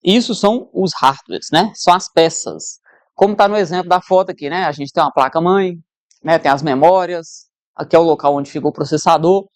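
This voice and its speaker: A woman's voice: on the low side, fairly quick, dry recording, studio quality. A woman teacher giving an exam-prep lesson, conversational, who keeps checking in with her students.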